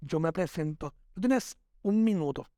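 A man's voice: sits high, lively intonation, a little slow, warm tone, dry recording, clean studio sound. A man, a podcast guest giving emphatic, preachy motivational talk. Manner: emphatic, preachy, dramatic, addresses listener as "mi amor".

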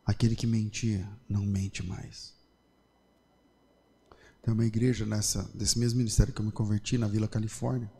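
A male pastor with a Brazilian Portuguese accent preaching, moving between loud fervent passages and quiet storytelling. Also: fairly low pitch, flat delivery, moderate pace, pauses often, long reverb tail. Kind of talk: sermon.

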